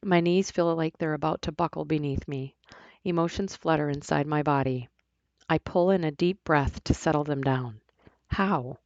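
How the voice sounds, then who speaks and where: Low gravelly woman narrating her novel. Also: fairly even intonation, a little mellow, dry recording, muffled recording. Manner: plain unhurried reading with small restarts. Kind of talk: first-person audiobook narration.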